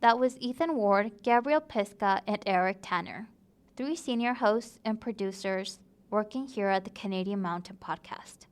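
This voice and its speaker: A woman narrating a podcast segment in a crisp, scripted way. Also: mid-range voice, moderate pace.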